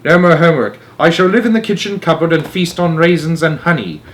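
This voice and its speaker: A cheerful little boy turned mouse from a children's story, played by a male reader. He is silly and eager, his voice lifted in pitch and bouncing along. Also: lively intonation, fairly quick, close to an everyday voice. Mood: gleeful.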